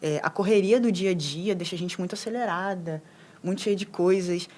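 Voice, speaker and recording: A woman speaking calmly and reflectively in a casual talk about prayer. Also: fairly low pitch, a little fast. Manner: calm, reflective, often ends phrases with né. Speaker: guest on a faith livestream. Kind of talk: casual faith chat.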